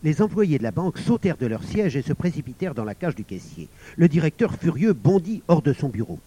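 Expressive male storybook narrator. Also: on the high side, brisk, a little hiss or hum. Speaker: audiobook reader.

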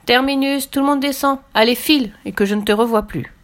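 Shrill indignant shark, as a woman puts her on. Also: slow. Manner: loud, shrill, outraged outbursts. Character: indignant grumpy female sea shark.

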